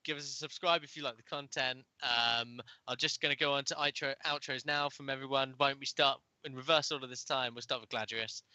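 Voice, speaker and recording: Man, podcast host, rambling, bright tone, dry close sound. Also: medium pitch, steady tone, brisk, hardly any pauses, no room sound. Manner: rambling, laughing often. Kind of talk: casual chat.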